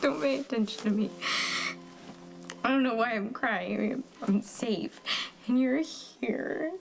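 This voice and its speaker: A woman's voice: on the high side, a little slow, gravelly, a little hiss or hum. An actress playing a shaken woman recovering in a hospital bed after a fire, soap opera style. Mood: tearful. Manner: hushed, shaky, half-whispered.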